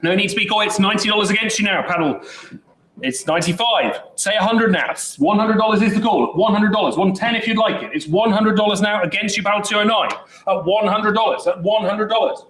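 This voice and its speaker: A man calls bids in a high, lively voice, keeping up a brisk, joking patter. He sounds like a working auctioneer at a live sale. The recording is roomy, with clear echo from the saleroom. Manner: brisk, chatty bid-calling with jokes.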